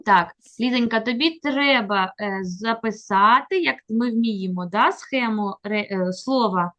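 A woman teaching a child to read on a video call, patient and encouraging, drawing her prompts out slowly. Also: a little high, sharp tone. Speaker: literacy teacher. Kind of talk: online reading lesson with a child.

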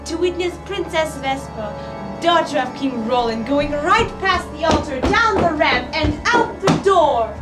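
Ceremonious officiant played by a woman, high declaiming voice, slow, homemade spoof, distant mic under music. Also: animated. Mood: solemn, then flustered. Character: ceremonious wedding officiant, turning flustered. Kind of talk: amateur film parody acting.

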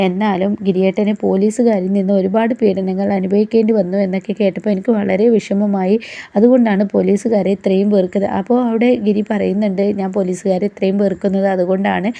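A woman's voice: mid-range voice, dark tone. A woman casually retelling a TV serial episode step by step, quoting the characters' lines in her own voice. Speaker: TV serial recap vlogger. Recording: slightly dull lo-fi recording.

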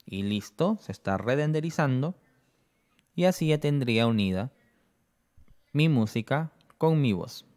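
A man presenting an app tutorial, explaining each step slowly and checking in with the listener. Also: medium pitch, expressive, darkish tone. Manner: explains slowly, often adds "¿no?".

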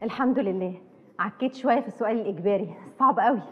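An actress playing a cheerful young university student. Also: female voice, mid-range voice, very fast, heavy background noise, close to an everyday voice. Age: young adult. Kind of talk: Egyptian film acting. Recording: tinny phone-like sound with reverb.

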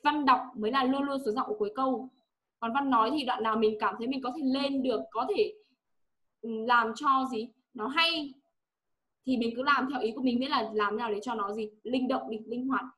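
A woman teacher with a Vietnamese accent coaches a pupil's English pronunciation. Her voice sits a little high, and she is patient, saying each word again and again for the pupil to repeat. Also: a little fast, a bit bright. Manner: patient, repeats words for the student to echo.

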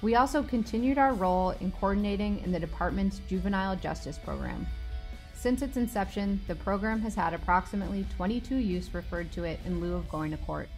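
A woman reads a scripted narration in a steady, read-aloud way, her voice sitting in a middle pitch. Soft music plays under her. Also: fairly quick.

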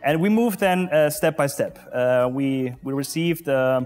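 A man in his forties, a pavilion official, answering interview questions in a halting way with many filler sounds, recorded on a lapel mic inside an exhibition hall. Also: a little high, darkish tone, faint music behind. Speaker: pavilion deputy commissioner general.

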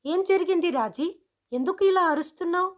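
A woman's voice: very high voice, brisk, voice pushed up. Woman voicing a stern scolding schoolteacher. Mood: sharp. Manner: harsh, scolding questions.

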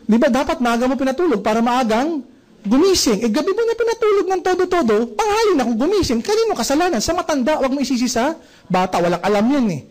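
Guy with a really high voice hyping up a sales crowd, keeps asking them questions. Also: very animated, quick pace. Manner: rhetorical, keeps quizzing the audience. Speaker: speaker at a network marketing event. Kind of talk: motivational seminar talk.

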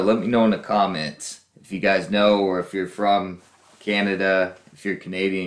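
A man hosting a reaction video, guessing aloud with lots of laughs and unsure pauses. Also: sits low, echoey room. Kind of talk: casual reaction commentary.

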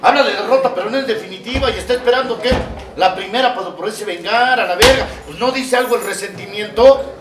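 A man with a Mexican accent gives a profane testimony at a recovery meeting, swinging from low confiding talk to shouting. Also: fast, crowd noise. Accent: Mexican Spanish. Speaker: recovery group speaker. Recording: echoey room, far from the mic.

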